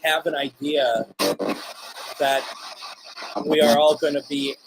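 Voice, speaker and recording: Earnest soft-spoken male host. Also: fairly high pitch, little pitch movement, very noisy. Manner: earnest, halting, speaks softly to spirits. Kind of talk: live paranormal radio session.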